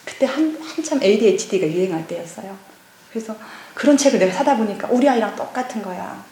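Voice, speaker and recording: A middle-aged woman, a pastor's wife, giving a lively personal testimony at a church seminar and acting out past conversations. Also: mid-range voice, fast talker. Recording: echoey church hall.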